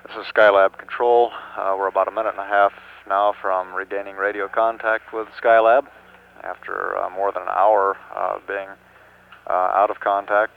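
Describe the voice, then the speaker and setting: An American man giving live spaceflight commentary as a mission control announcer, in a measured, halting official delivery. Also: on the low side, flat delivery, gravelly. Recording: muffled phone-like archival audio, faint hiss.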